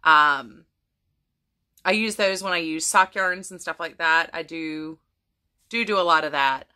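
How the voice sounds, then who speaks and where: Speaking a little slowly, this crafting vlogger from the United States has a low-pitched, smooth voice with a bright, forceful tone. She chats casually to her viewers, rambling and restarting often as her voice begins to go.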